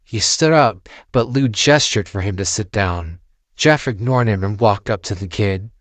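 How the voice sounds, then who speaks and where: A man's voice: on the low side, unhurried, no room sound. A man narrating a horror story, reading it aloud as a storyteller.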